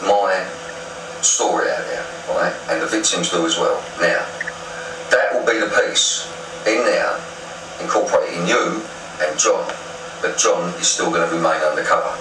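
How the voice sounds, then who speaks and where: Deep-voiced blunt man. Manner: halting, blunt, swears freely. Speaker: interviewer and campaigner. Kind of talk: casual conversational interview. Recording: roomy, distant mic, faint noise.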